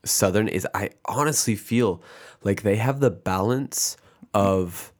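A man hosting a podcast, chatting casually in a measured way with dry humor. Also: lowish voice.

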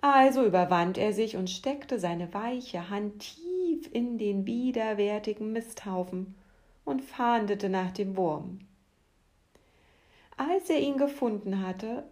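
A woman host telling a parable calmly, softly, sometimes trailing into a whisper. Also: medium pitch, slow. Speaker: podcast host and storyteller. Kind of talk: calm storytelling narration.

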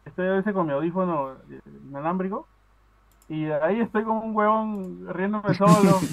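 A podcast caller from Peru talks in a casual chat, his high voice moving at a moderate pace with fairly even intonation. He uses lots of fillers and restarts, and the phone line sounds tinny.

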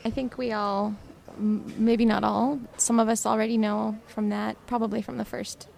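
Podcast host: female, higher voice with noticeable vocal fry, informal delivery, some background noise. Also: little pitch movement, moderate pace, over music. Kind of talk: casual chat.

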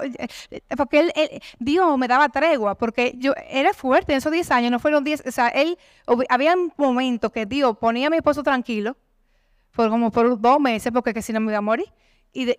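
High-voiced woman giving testimony. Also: brisk, clear, resonant tone, dry recording, clean studio sound. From Dominican Republic. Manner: impassioned, animated preaching with quoted prayers. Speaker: conference speaker giving testimony. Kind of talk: church testimony.

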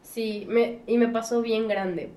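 A woman's voice: on the high side, fairly even intonation, slow pace, warm tone. A woman with a Mexican accent, a podcast guest talking about her strange dreams in a casual, slangy chat. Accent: Mexican Spanish. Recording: roomy, distant mic with faint noise.

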